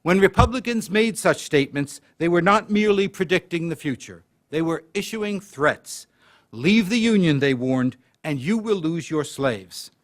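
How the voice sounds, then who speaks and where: A man reading a prepared history lecture, leaning into quoted passages and slowing on key phrases, with occasional slips and restarts. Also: on the high side, expressive. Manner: reads quoted passages with stronger emphasis and slows on key phrases.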